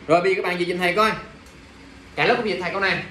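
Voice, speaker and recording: Young male English teacher, high voice, quizzing the class, echoey room, mic well across it. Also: steady tone, racing, pushed and bright, distant mic, slight background noise. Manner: drills pronunciation, quizzes students, exasperated asides. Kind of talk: classroom English vocabulary lesson.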